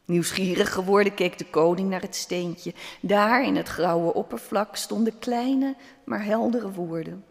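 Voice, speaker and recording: Male storyteller, unhurried and gentle, long hall reverb on the voice. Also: high-pitched, creaky. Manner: slow, gentle, dramatic pauses. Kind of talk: scripted story narration.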